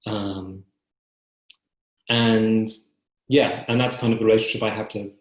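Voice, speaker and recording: The recording is a roomy, echoing video call picked up on a computer mic from a book-lined room in a young man's home. Interviewed as a poet, he speaks in a lowish, steady voice, reflective and halting, frequently correcting himself.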